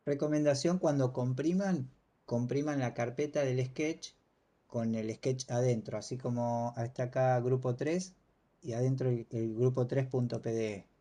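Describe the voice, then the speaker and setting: A man's voice: medium pitch, moderate pace. A man teaching a casual online class over a video call, hesitant and full of fillers. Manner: relaxed, hesitant, many fillers.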